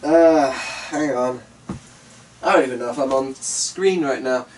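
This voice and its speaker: This vlog host has a medium-pitched voice and talks a little slowly. He rambles to his viewers in a casual vlog, muttering, distracted and mildly exasperated. A distant mic picks him up along with faint background noise.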